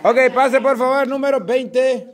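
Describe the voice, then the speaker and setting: A man's voice: extremely high pitch, a little slow. A man with a Central American Spanish accent casually hosting a group challenge game, teasing and urging contestants on. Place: open-sided outdoor shelter on a lawn. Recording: outdoor group chatter around the voice.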